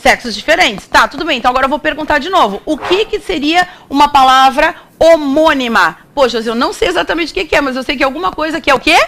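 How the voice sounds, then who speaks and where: Brazilian woman, high voice, chatty playful grammar teacher who asks and answers her own questions. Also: expressive, quick pace, hardly any pauses, a bit bright. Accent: Brazilian Portuguese. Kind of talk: exam-prep classroom lecture.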